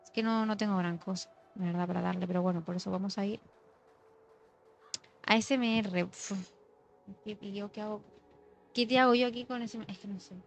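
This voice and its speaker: A woman's voice: mid-range voice, steady tone, fairly quick, long pauses. A young woman from chatting casually and muttering to herself while playing a game as a streamer. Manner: chatty, muttering, drops to mock ASMR hush. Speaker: gaming streamer. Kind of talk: casual gameplay chat. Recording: slightly dull sound, faint music.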